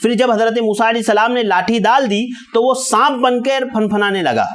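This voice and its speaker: A man gives a religious lesson in a fairly high voice. He recites a verse, then explains it line by line, pausing on fillers as he goes. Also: a bit bright. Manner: explains verse by verse, mixes in English numbers, frequent fillers. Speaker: Islamic teacher.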